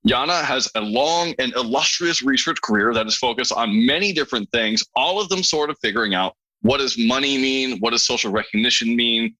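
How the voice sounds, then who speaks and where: Bright-voiced male podcast host. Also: medium pitch, poor audio. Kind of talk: scripted podcast introduction and interviewing.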